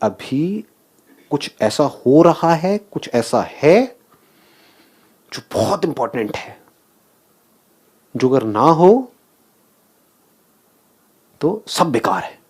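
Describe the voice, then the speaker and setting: A man's voice: on the high side, big pitch swings, very slow, long pauses, a little mellow, husky. A man giving a motivational talk, asking the audience questions and mixing English phrases into his speech. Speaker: motivational speaker.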